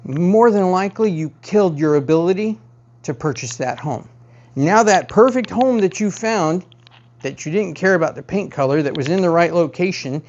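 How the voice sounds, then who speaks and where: A man's voice: fairly high pitch, highs cut off. Emphatic man giving real estate advice. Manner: emphatic, repeats key phrases for stress. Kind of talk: direct-to-camera advice talk.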